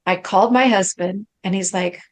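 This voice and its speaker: A middle-aged woman, a guest coach, telling a story in a conversational interview, her voice rising high as she relives moments. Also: moderate pace. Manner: animated, rises high when reliving moments.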